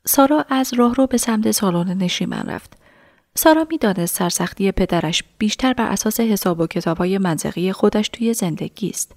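A woman narrating a story in a soft, half-whispered reading voice. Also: mid-range voice, dry recording, studio quality.

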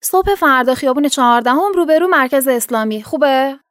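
An actress playing a gentle, earnest young woman in a narrated radio drama, speaking softly and sincerely. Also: high-pitched, expressive, dry recording, clean studio sound. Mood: calm.

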